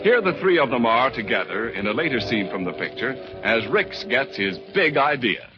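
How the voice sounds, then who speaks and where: A male radio announcer with a polished, lively delivery, his voice rising and falling as he reads a scripted promo. He is heard on a dull, lo-fi old 1940s radio recording, with music playing behind him. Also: mid-range voice, normal speed.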